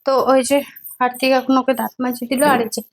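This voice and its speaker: Speaking fast in a high-pitched, level tone, this young vlogger talks chattily to her audience from indoors at home. She frequently breaks into baby-talk with her child.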